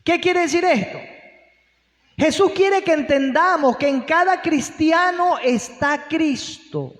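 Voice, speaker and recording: A man's voice: very high voice, slow pace, a bit bright. A male pastor preaching a sermon, posing rhetorical questions and breaking in with exclamations of praise. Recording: long hall reverb.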